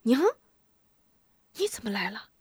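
A woman voicing an eager young boy who pleads urgently in a high, loud voice. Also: big pitch swings, moderate pace, no echo, studio quality.

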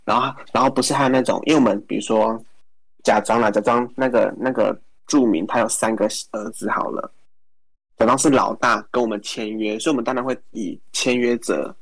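A man with a Taiwanese accent chatting casually as a care worker, telling colloquial anecdotes in an animated way. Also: medium pitch, a little fast, vocal fry, no echo, rough recording. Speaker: care facility worker telling work stories.

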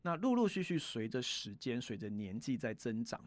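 A man explaining as a veterinarian to an interviewer, in a patient way, often letting his phrases trail off softly. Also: mid-range voice, very animated, moderate pace, no room sound. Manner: patient explainer, sentences trailing off with soft particles.

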